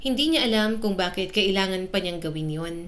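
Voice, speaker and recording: A woman telling a romance drama story in scripted, steady narration. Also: medium pitch, brisk.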